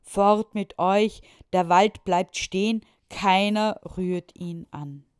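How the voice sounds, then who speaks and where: A woman's voice: fairly low pitch, lively intonation, unhurried, gravelly, dark tone, dry recording, studio quality, full character voice. A woman reading a children's story aloud, voicing a proud, kindly male mayor who speaks in a firm, slightly pompous way. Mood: commanding.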